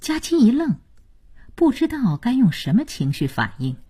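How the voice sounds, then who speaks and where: A woman narrating an audiobook in a measured, expressive way. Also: fairly high pitch, breathy edge. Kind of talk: storytelling audiobook reading.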